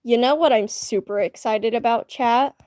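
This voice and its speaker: A woman's voice: fairly high pitch, moderate pace, darkish tone, dry recording. A young woman chatting casually with her live-stream viewers, rambling with lots of fillers and restarts.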